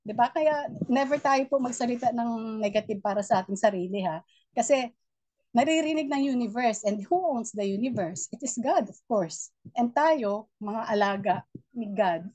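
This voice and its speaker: A middle-aged woman mentor giving a motivational training talk, with a naturally loud voice and a preachy, encouraging manner. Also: fairly high pitch, animated, moderate pace, no echo. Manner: loud voice, warm and preachy, mixing English in. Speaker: network marketing mentor.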